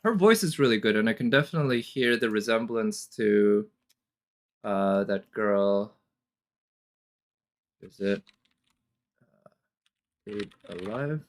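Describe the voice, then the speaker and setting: Her bass voice moves slowly, broken by long pauses, as this woman streamer reacts to a game trailer. She thinks aloud and speculates casually while the trailer music plays in the background.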